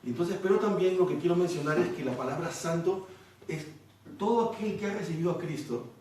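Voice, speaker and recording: A man's voice: fairly high pitch, brisk, a little mellow, slight background noise. A man preaching a Bible study sermon, explaining verses and checking in with his listeners with frequent rhetorical questions. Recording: echoey room, voice from a distance.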